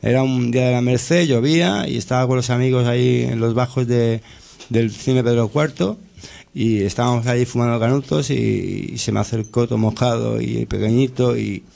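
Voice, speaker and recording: A man telling casual stories in an interview, rambling and halting, with many restarts and tag questions. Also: medium pitch, steady tone, vocal fry, mellow. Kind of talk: casual storytelling.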